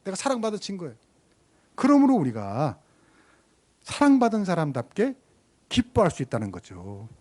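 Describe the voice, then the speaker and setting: A man's voice: high voice, wildly swooping pitch, normal speed, long pauses, darkish tone. A middle-aged man, a pastor preaching a sermon in a conversational way. He asks the congregation questions, tells personal stories, and repeats phrases for emphasis.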